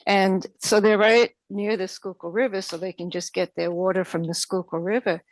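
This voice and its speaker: A woman with a New York accent giving public comment at a township meeting, halting with many fillers and restarts. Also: mid-range voice, little pitch movement, no room sound.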